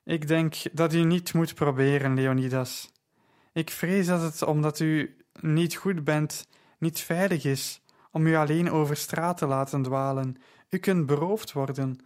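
A man voicing a practical, kind young woman weaver who speaks calmly with concern. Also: a little high, measured pace, close to an everyday voice.

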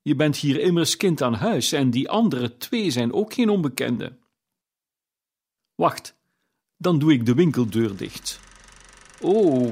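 A man's voice: mid-range voice, husky, pitched above the performer's own voice, heavily acted. A man voicing Old Joe, a sly old male pawnbroker who talks in a wheedling, cackling way in an audiobook. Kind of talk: audiobook character reading.

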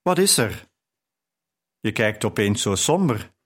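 A man's voice: on the low side, very animated, slow pace, heavily acted. Commanding, teasing nobleman, played by a man, confident and at ease. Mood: gentle. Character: commanding Persian nobleman, teasing and self-assured.

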